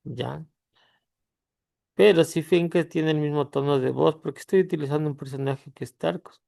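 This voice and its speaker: Un hombre con la voz áspera y crujiente, que explica un programa paso a paso con muchas pausas. La grabación es seca, sin eco de la sala. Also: male voice, on the high side, creaky, mellow, dry recording, clean studio sound. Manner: halting explanation, pausing with tag questions. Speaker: tutorial host. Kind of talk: screen-recorded software tutorial.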